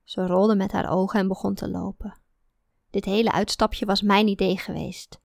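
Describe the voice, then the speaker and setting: A woman's voice: medium pitch, flat delivery, normal speed, vocal fry, dry recording, clean studio sound. A woman reading a first-person story aloud in a confiding, introspective manner. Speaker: audiobook narrator. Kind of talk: first-person scripted narration.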